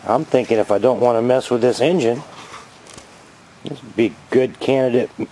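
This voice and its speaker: A man in his fifties giving a rambling, chatty show-and-tell vlog outdoors by his garage, filming on a handheld camera and getting excited over his finds. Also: mid-range voice, moderate pace, slight background noise, poor audio. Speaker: vlogger.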